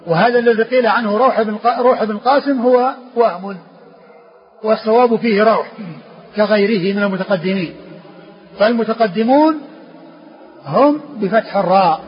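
Man, high voice, lesson on a classical text, measured and repetitive, dull lo-fi sound with faint hiss. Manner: measured, repeats words, spells out letters. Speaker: teacher of hadith sciences. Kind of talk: explaining a classical text to students.

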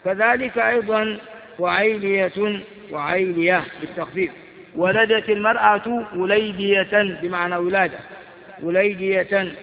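High-voiced man teaching in an echoing hall. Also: steady tone, normal speed, vocal fry. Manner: recites patterns and examples, asks rhetorical questions. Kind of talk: Arabic grammar lesson explaining verbal noun patterns. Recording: dull recording with long hall reverb.

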